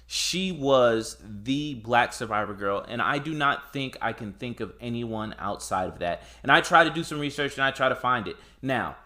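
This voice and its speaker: A man's voice: medium pitch, expressive, moderate pace, few pauses, bright, forceful tone. A man co-hosting a casual film chat, speaking emphatically and repeating words for stress. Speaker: podcast co-host.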